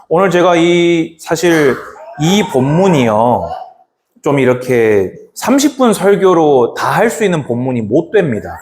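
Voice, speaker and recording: Animated male pastor preaching. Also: mid-range voice, slight background noise. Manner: animated preaching, slows down to stress scripture; asks the congregation questions. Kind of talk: sermon.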